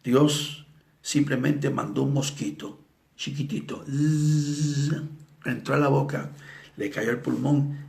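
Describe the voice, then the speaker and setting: A male evangelist preaching a sermon, telling stories dramatically and acting out the people in them, sometimes with shouts. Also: mid-range voice, creaky. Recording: echoey room.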